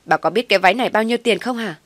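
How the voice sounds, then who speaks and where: A woman voicing a brash, mocking young wife who shouts at her mother-in-law. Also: mid-range voice, expressive, moderate pace, no echo, natural voice. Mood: shouting scornfully. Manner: shouting, scornful.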